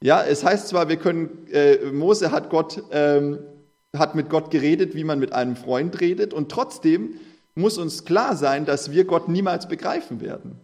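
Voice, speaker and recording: A male preacher talking to his congregation in an earnest, conversational sermon. His voice sits a little higher than most men's. When he reads scripture he slows right down and leans on the words. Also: darkish tone.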